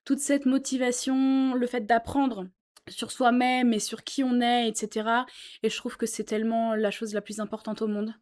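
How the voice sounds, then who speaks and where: Woman YouTuber, voice a touch high, sincere and reflective, talking casually from an office sofa. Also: level tone, moderate pace, darkish tone. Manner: earnest, thoughtful, with many fillers. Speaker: YouTuber and musician. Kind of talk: casual chat to camera.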